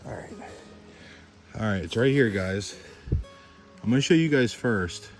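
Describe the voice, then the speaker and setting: A man vlogging outdoors in a winter forest while metal detecting, chatty and excited as he talks through each find. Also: on the low side, measured pace, faint music behind. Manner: chatty, excited, thinking aloud while digging. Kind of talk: outdoor vlog narration to camera. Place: outdoors in a winter forest by old railroad tracks.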